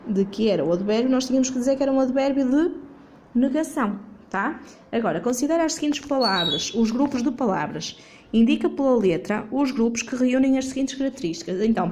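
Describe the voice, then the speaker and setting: A woman's voice: on the high side, a little mellow, slight background noise. A woman teacher, going over a worksheet in a remote lesson, filming with her phone while she writes. She patiently asks questions and answers them herself. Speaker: primary school teacher.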